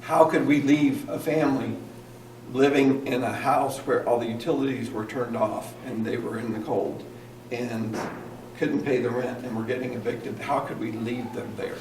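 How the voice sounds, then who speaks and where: Heard from some distance in an echoey church hall over a faint hiss, a male pastor preaches with earnest energy. His medium-pitched voice stays steady at a moderate pace, and he has the congregation repeat lines after him.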